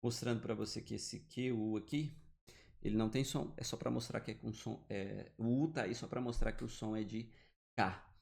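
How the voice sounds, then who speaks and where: A man's voice: lowish voice, steady tone, moderate pace, vocal fry, darkish tone. A man giving an online grammar lesson, explaining step by step and often checking in with the listener. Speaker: teacher. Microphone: computer mic, drawing with the mouse.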